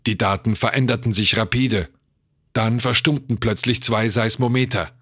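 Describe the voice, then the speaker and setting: A man reads a tense audiobook story in a measured way. His mid-pitched voice has a breathy edge. The sound is dry and close with no room. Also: steady tone, a bit bright, no room sound. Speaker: narrator. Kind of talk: scripted audiobook narration.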